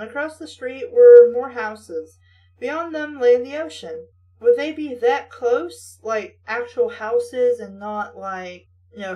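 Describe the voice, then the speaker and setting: A host reads a story aloud in a high-pitched, darkish-toned voice, picked up at some distance from the mic. She keeps breaking away from the text with mocking, questioning remarks, like a sarcastic host talking back to it.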